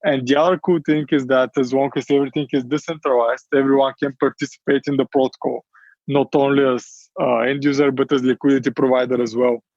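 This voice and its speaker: A man answering interview questions in quick bursts, with many fillers along the way. His voice sounds dry and close, with no room around it. The audio is a little dull and muffled, as on a remote call. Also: medium pitch, steady tone, a little mellow, no room sound. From Bulgaria. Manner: quick, eager explanations with frequent fillers. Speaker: startup CEO guest.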